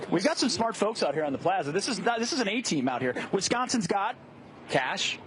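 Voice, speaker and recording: A man's voice: high voice, brisk. A man hosting a live morning show segment outdoors on a plaza, quizzing passersby in a joking, upbeat way. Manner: lively, joking crowd interviewer. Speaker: outdoor field host. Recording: outdoor street noise.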